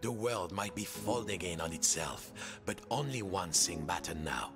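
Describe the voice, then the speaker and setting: An actor narrating a video game like a storybook, theatrical and playful. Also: male voice, low voice, expressive, moderate pace. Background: game music.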